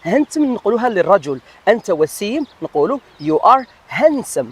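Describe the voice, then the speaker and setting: A man teaching English pronunciation in a casual video lesson, slowing down to spell out each example word. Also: sits high, sing-song, slightly rough. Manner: switches between dialect and slow, over-articulated English examples.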